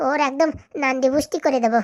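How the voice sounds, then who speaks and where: Woman voicing a shrill bossy scolding wife. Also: steady tone, fast, close to an everyday voice. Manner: scolding, insulting, domineering. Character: bossy sharp-tongued wife, scolding, greedy. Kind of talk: comic cartoon dubbing.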